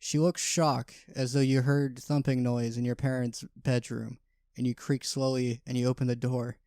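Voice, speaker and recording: A man co-hosting a casual podcast, with a halting, stop-start delivery. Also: mid-range voice, level tone, darkish tone, no echo, clean studio sound. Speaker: podcast co-host.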